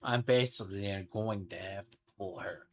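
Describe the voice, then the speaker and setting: A man's voice: lowish voice, moderate pace. A man giving casual game commentary, rambling and thinking aloud as he speculates. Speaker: gaming streamer. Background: game music.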